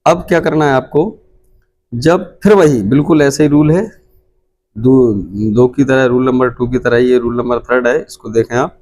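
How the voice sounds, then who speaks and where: A man's voice: medium pitch, fairly even intonation, normal speed, darkish tone. A middle-aged man with an Indian Hindi accent, teaching English pronunciation and repeating each word several times. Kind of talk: pronunciation lesson.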